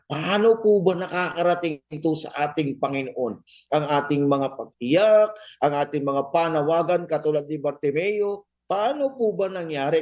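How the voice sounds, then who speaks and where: A man's voice: sits high, darkish tone. A man with a Filipino accent preaching a sermon, emphatic and repetitive, checking in with the listeners often. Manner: emphatic, repeats key phrases, frequent "no?" and "po". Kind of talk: sermon mixing Tagalog and English.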